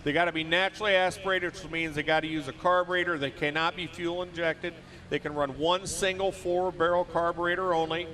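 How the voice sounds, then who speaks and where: A man's voice: on the high side, flat delivery, a little fast, pushed and bright. A man announcing a tractor pull in a folksy way, calling and repeating figures.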